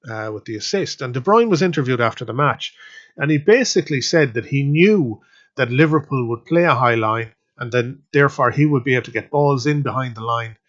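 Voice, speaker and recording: A man's voice: mid-range voice, lively intonation, a little fast. A man hosting a podcast, giving a casual spoken match review that rambles with many fillers and restarts. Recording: slightly dull lo-fi sound.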